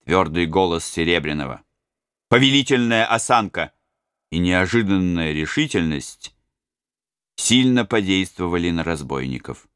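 A male narrator reading a historical adventure slowly and dramatically. His voice is bright and forceful, rising and falling widely through each sentence. The sound is dry and close, with no room around it. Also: deep voice, smooth, no echo. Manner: dramatic, expressive. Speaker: audiobook narrator. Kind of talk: scripted narration.

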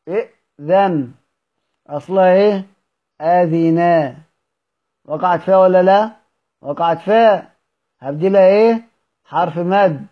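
High-voiced Egyptian man teaching recitation. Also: phone-quality sound. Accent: Egyptian Arabic. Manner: asks questions and answers them himself, drawing out example words slowly. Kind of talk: recorded lesson.

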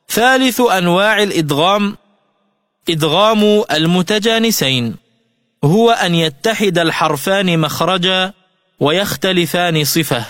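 A man giving a slow, scripted tajweed lesson on the radio, explaining rules and chanting melodic examples. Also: a little high, a bit bright, dry recording, studio quality. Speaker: Quran recitation teacher. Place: radio studio.

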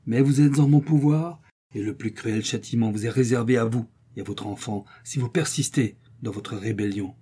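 A man reading the part of a cold, severe old aristocratic uncle, in a calm but harsh, husky voice. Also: mid-range voice, moderate pace, close to an everyday voice. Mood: threatening. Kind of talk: audiobook character reading.

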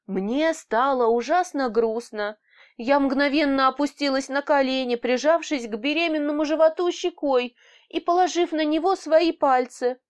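Woman, high pitch, first-person audiobook narration, lively and expressive delivery. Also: normal speed.

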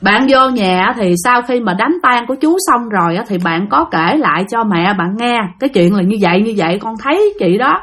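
A woman with a Southern Vietnamese accent tells a ghost story in a lively, swooping voice. She speaks a little high and often turns to address her listeners directly. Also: moderate pace, hardly any pauses.

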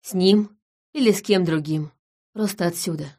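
A woman voicing a gruff, brooding man feared as a monster, speaking low and hushed in an audiobook reading. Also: moderate pace, natural voice.

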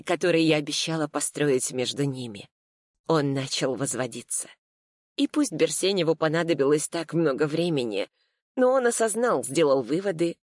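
A woman reading a first-person story aloud in a calm, reflective way. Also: low-pitched, no echo, studio quality. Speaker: audiobook narrator. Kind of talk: scripted first-person narration.

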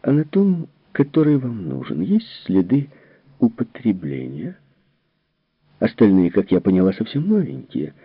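A man's voice: lowish voice, wildly swooping pitch, measured pace, slightly rough, no echo, heavily acted. Casting: a man doing a cold, decisive woman scientist, clipped and demanding, audiobook reading, tinny and dry. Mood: probing. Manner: clipped, questioning. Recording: tinny narrow-band recording.

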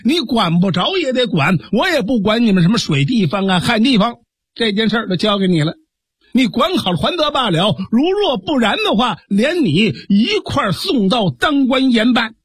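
Guy putting on a bossy hero guard, loud and high, barking orders in a told story. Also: sing-song, normal speed, slightly rough, no room sound, studio quality, heavily acted. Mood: angry. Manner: blustering, threatening, imperious. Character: bold commanding male imperial guard hero.

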